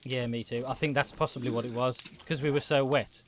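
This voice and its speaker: A man's voice: mid-range voice, fairly even intonation, brisk, slight background noise. A man hosting a casual let's-play, chatting and laughing often as he plays. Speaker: gaming channel host.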